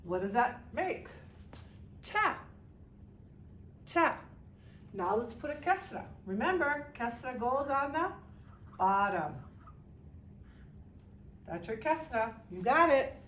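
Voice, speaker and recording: A woman's voice: high-pitched, sing-song, slow, long pauses, fairly bright tone, slight background noise. A woman teaching a beginner language lesson in a classroom, patient and encouraging, repeating sounds and praising often. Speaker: Arabic teacher. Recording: echoey room, distant mic, faint ambience.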